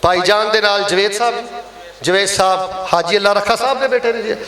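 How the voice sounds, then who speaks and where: A man's voice: high-pitched, normal speed, bright, forceful tone, roomy sound. A man with a Punjabi accent leading a mosque fundraising appeal during a Friday sermon, coaxing and blessing the congregation.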